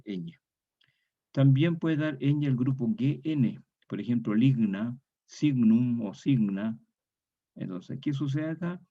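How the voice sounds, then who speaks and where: Male lecturer, mid pitch, methodical, repeats key terms, checks in with the class, lo-fi recording. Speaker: lecturer in historical Spanish grammar. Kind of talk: university lecture.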